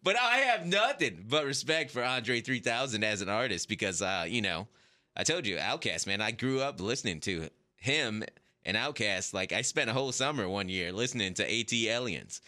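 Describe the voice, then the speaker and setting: Male podcast host, casual storyteller, lively pitch, bright tone, laughs a lot. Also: moderate pace. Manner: animated, laughs often, acts out whispers.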